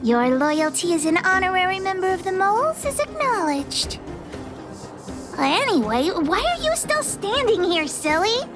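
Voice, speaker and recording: A woman voices a bossy, bold little girl who leads a gang in a video game, proud and self-important, referring to herself in the third person. The heavily acted delivery is very high-pitched and very animated at a measured pace, with game music playing behind her.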